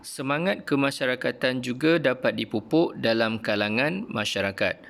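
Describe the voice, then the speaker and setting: A man reading a father's lines aloud from a textbook passage, speaking calmly to his family. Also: medium pitch, moderate pace, gravelly. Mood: explaining.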